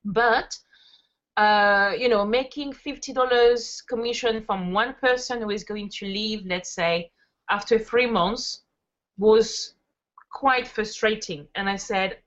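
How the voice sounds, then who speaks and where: A French woman in her thirties, a network marketer appearing as an interview guest, chats casually and tells stories peppered with fillers. Her voice sits in the mid range with a fairly bright tone, and the audio is dull and lo-fi.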